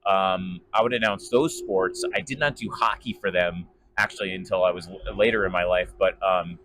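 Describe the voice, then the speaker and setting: A sports PA announcer and voice actor gives casual interview answers in a low voice at normal speed. He sounds hesitant, rambling and conversational, with a noisy background behind him.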